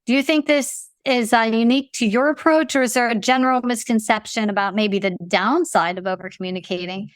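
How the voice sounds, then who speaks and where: A woman hosting an interview, asking measured questions and giving affirming replies. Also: fairly high pitch, no echo, studio quality. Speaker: podcast host.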